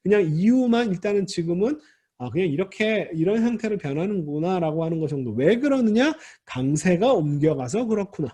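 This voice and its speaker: A man's voice: high-pitched, lively intonation, brisk, dark tone, slightly rough. A man teaching a recorded grammar lecture, patiently explaining, repeating key words and reassuring students directly.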